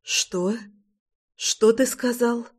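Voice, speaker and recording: A woman's voice: fairly high pitch, very slow, darkish tone, husky, voice pushed up, full character voice. A woman playing a fiery young wife. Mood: stunned. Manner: hissing, snapping.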